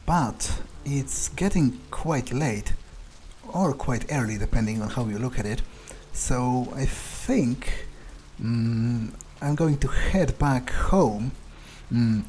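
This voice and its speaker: A man plays a video game in character as a vampire, thinking aloud in a hesitant, self-serving, foul-mouthed manner. His medium-pitched voice is warm, and there's a little hiss or hum in the recording.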